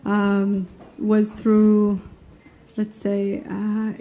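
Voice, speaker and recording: A woman's voice: mid-range voice, completely flat delivery, drawn-out words, dark tone. A woman born in Iraq, a singer talking on stage at a live show, hesitant and full of fillers. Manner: hesitant, many fillers, laughs often. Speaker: singer and guest. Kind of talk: live onstage conversation. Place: stage at a live music venue.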